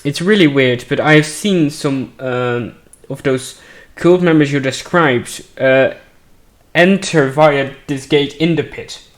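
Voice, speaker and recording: A man's voice: mid-range voice, takes it slowly, lightly acted. A man voicing a wary male guide who shares rumors with the party, talking in a hesitant, sarcastic way full of fillers.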